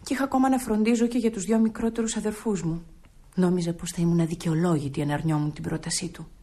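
An actress playing Christina, a weary widow worn down by years of hard work, in a radio play, speaking in a tired, earnest, measured way. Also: female voice, fairly low pitch, dark tone.

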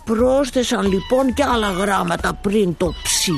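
A woman's voice: mid-range voice, gravelly, over music, close to an everyday voice. A woman voicing a lazy, chatty male bookshop cat who narrates the story, playful and meowing.

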